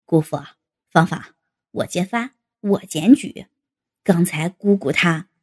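Woman doing a low husky jokey young guy, always mocking. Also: slow pace. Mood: teasing. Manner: joking, mocking. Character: young man, teasing and cheeky nephew.

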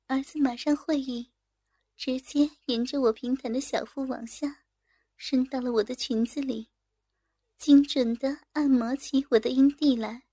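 A woman reading a first-person story aloud in a soft, intimate, unhurried manner. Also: high voice, husky, no echo, studio quality.

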